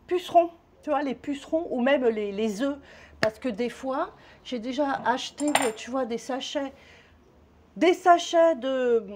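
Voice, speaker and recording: A woman's voice: a little high, darkish tone, slight background noise. A woman with a French accent chatting casually to camera as a vlogger, rambling and swearing lightly, a little out of breath.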